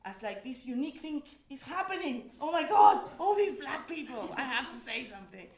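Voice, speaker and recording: With a high voice and big pitch swings, a woman from Mexico gives personal testimony as a panel academic. She is reflective and halting, often starting over, and the recording has an echoey sound.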